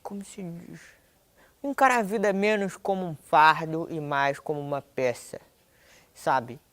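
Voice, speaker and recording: A man's voice: on the high side, measured pace, a bit bright. A man in a documentary interview, musing and searching for words.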